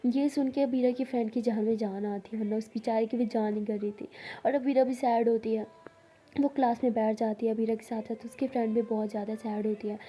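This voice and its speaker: A woman's voice: a little high, steady tone, brisk, dark tone, husky. A woman narrating a love story casually, retelling each turn with many "she says".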